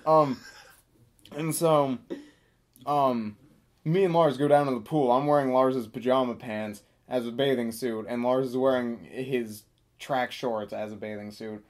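Male storyteller, casual and animated, laughing through his own anecdote, average pitch. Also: unhurried. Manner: animated, giggly, swears freely, vivid impressions of friends.

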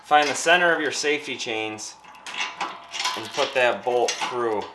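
A man's voice: medium pitch, measured pace. A man in his thirties casually explaining a trailer assembly step by step in his home garage workshop. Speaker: vlogger. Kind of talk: casual how-to narration. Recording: noisy garage recording.

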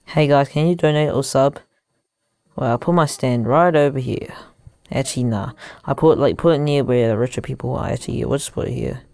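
A young man giving casual gameplay commentary into headphones used as a mic, haltingly thinking aloud as he goes. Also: mid-range voice, gravelly, darkish tone. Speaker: gaming YouTuber.

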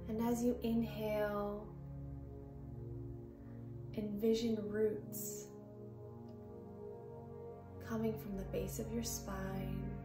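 A woman in her thirties leading a calm, gentle guided grounding exercise, unhurried and meditative. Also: mid-range voice. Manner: calm, gentle, unhurried delivery with long pauses. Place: small plain room indoors. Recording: roomy echo, distant mic, music behind. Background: clear background music.

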